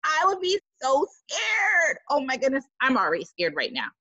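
A woman reads a picture book to children like a teacher, dramatic and expressive, throwing in exclaiming asides. Her voice is high and her speed normal, and the recording has its highs cut off.

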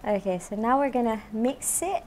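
This thirties-aged chef talks warmly and at a normal speed, her pitch fairly high, while she cooks on camera in an indoor kitchen studio styled like a home. Her chatter is cheerful and full of "you know," recorded through a lapel mic with a bit of background noise.

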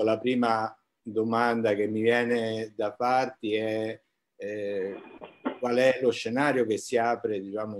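Guy hosting a live chat, lowish voice, informal, bit hesitant and roundabout. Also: a little mellow, slight background noise. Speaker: interview host.

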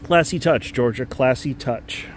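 A man's voice: medium pitch, a little slow, a little hiss or hum. A man filming a casual walking vlog as he tours a stadium, talking in an enthusiastic, rambling way and often correcting himself mid-sentence. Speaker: stadium tour vlogger. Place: outdoors in a large stadium.

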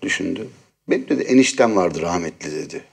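A man hosting a talk show, telling a story in an animated, exasperated way. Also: sits low, fast, gravelly, breathy edge. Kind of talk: casual chat, telling a story.

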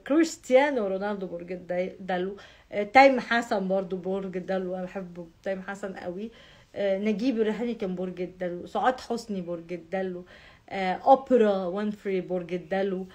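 A woman's voice: mid-range voice, darkish tone. A woman with an Egyptian Arabic accent, chatting casually to her viewers and stressing points by repeating words over and over. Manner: emphatic, piles up repeated words. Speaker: astrology vlogger.

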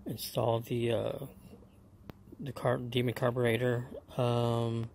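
A man explaining his engine work in a casual, hesitant way, with frequent pauses and fillers as he goes step by step. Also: medium pitch, monotone, creaky, darkish tone, slight background noise. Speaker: home car mechanic.

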